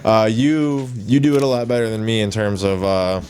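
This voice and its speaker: A man's voice: lowish voice, moderate pace, a little mellow, a little hiss or hum. A man hosting a casual radio talk show. He jokes crudely and laughs often. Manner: joking, laughs a lot, crude humor. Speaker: host.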